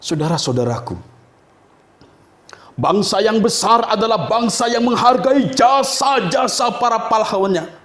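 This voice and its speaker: Dramatic high-voiced orator. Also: male voice, animated, measured pace, a bit bright, reverberant. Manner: dramatic declamation, swelling to high peaks and dropping low. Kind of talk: patriotic speech recital.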